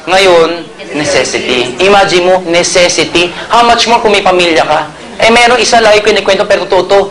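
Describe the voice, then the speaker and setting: A man's voice: sits high, fairly quick, a bit bright. A man from the Philippines giving a joking sales seminar to a live audience, telling stories and quizzing the crowd. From Pangasinan, Philippines. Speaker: marketing presenter. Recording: noisy hall with a reacting crowd.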